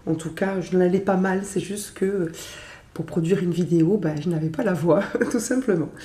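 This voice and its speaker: A woman, stuffy with a cold, reads tarot in a gentle, chatty way, full of small fillers. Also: on the low side, normal speed, roomy sound. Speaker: tarot reader. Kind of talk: casual tarot reading to camera.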